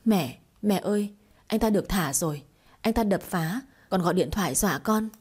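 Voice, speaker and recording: A woman voicing a frightened young wife in a read-aloud story, with a husky voice. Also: mid-range voice, animated, moderate pace, darkish tone. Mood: fearful. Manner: fearful, pleading.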